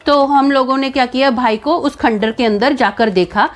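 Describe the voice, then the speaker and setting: ऊँची आवाज़ में बोलती युवा महिला. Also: female voice, high-pitched, moderate pace. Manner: chatty, acts out quoted dialogue. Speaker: storyteller. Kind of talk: casual first-person storytelling.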